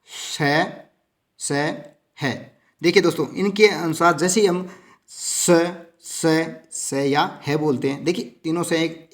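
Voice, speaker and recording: A man teaching a lesson for exam preparation who asks questions and answers them himself, and keeps calling his students his friends. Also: fairly high pitch.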